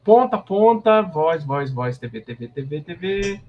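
A man's voice: on the high side, sing-song, a little slow, dull audio. A man co-hosting a casual film podcast, muttering repetitively as he looks things up. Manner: muttering while scrolling, repetitive. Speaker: podcast co-host.

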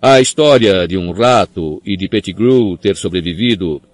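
A man reading an audiobook, voicing a calm, wise old headmaster who speaks in a measured way. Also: deep voice, no room sound, close to an everyday voice. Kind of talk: audiobook character voice.

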